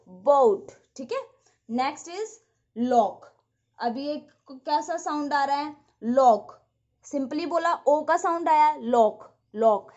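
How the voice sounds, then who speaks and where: Slow high-voiced Indian woman teacher. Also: muffled recording. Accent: Indian English. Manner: drills words aloud, repeats them, asks and answers herself. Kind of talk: online class lesson.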